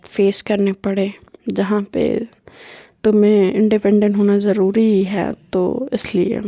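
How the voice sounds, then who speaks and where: A woman voicing a caring, protective wife who explains things to her partner earnestly and gently, in a storytelling vlog. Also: medium pitch, vocal fry, dry recording, clean studio sound.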